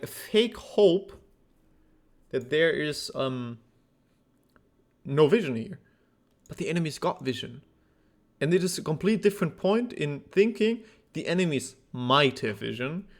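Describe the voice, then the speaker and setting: A man coaching a player through a game replay in a blunt, teasing way, a little out of breath. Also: a little high. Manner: blunt, teasing, thinks aloud with fillers. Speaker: esports coach. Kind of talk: casual game replay review.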